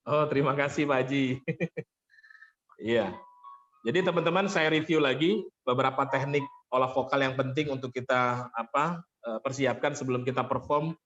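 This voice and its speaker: A man's voice: medium pitch, moderate pace, fairly bright tone, a little hiss or hum. Man coaching on voice, lo-fi call audio. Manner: explains patiently, thanks participants often. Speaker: vocal training coach. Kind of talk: online workshop teaching.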